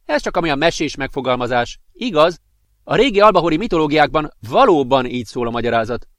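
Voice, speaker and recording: A man's voice: on the high side, animated, fairly bright tone, no echo, clean studio sound. A man voicing a friendly young alien woman in a read-aloud story, explaining her world in an earnest way.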